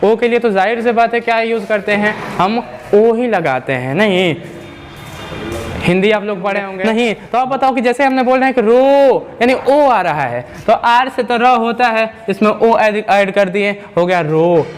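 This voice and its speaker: High-voiced man teaching, drawing out sounds. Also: soft background music. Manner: repetitive, drawn-out sounds, asks rhetorical questions. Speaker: English teacher. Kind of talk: classroom lesson explanation.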